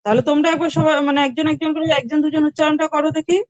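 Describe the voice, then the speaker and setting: A high-pitched woman teaches English pronunciation in an online class. She speaks patiently, repeats each word and spells it out letter by letter, recorded dry and close. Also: fairly even intonation, very fast, darkish tone, no room sound, muffled recording.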